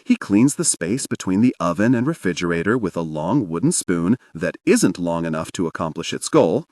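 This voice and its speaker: A male audiobook narrator with a fairly low voice that swings widely in pitch as he tells the story. The recording is close and dry, with no room sound at all. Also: moderate pace, no echo. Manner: expressive, storytelling.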